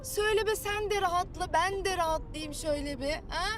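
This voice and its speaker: A woman's voice: very high voice, brisk, music in the background. An actress playing a pushy, teasing middle-aged mother who fishes for praise, in a TV drama. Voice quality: nagging, teasing. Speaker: mother character. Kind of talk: TV drama acting.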